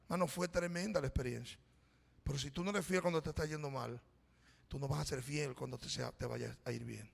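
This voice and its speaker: Middle-aged pastor preaching, chatty storytelling, gravelly voice, big echoey church. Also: male voice, mid-range voice, fairly quick. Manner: storytelling, conversational, addresses congregation as brothers. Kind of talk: sermon with personal testimony. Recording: reverberant church hall.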